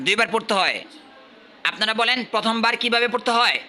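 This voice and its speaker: Guy from bangladesh running a madrasa class, really bright voice, keeps coaxing kids to speak up, bit of hiss behind. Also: very high-pitched, fast talker. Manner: coaxing, repeats questions, urges louder answers. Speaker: madrasa teacher. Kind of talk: classroom quizzing.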